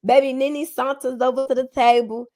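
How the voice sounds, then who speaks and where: A woman co-hosting a casual podcast, her voice sitting a bit high. She tells stories with lots of energy, acting out what everyone said. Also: normal speed, slight background noise. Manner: animated, excited retelling with quoted dialogue. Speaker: podcast co-host. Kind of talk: casual chat, storytelling.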